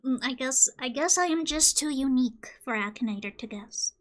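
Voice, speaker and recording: A woman from Colombia streaming casually, joking and reading game questions aloud, with sudden loud squeals. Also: high voice, expressive, normal speed.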